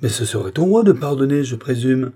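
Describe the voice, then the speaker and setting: A man's voice: medium pitch, animated, fairly quick, mellow, husky. A man reading a proud, doubting queen. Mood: incredulous. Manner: haughty, incredulous. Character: proud doubting queen, woman, middle-aged.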